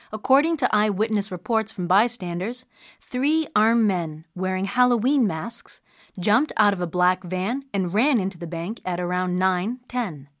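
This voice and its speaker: A woman reading a scripted news report in a crisp, even newsreader delivery. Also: mid-range voice, no room sound. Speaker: news reader. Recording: dry studio.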